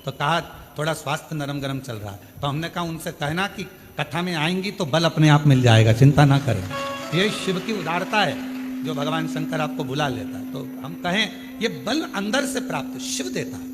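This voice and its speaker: A man with a Madhya Pradesh Hindi accent delivers a live devotional sermon at a large gathering. He drives each point home with repeated rhetorical questions in a somewhat high voice. Long reverb from the venue hangs on his words. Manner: emphatic, repetitive rhetorical questions to the audience. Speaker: katha preacher. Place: large outdoor katha pandal. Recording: long hall reverb with faint music.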